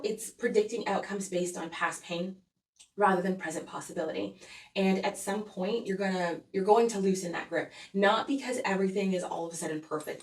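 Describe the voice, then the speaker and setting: A woman hosting a weekly tarot and astrology forecast, talking in an earnest, soothing way and often checking in with a gentle "okay?". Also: mid-range voice. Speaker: tarot reader and astrology host. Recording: roomy echo, voice a bit far from mic.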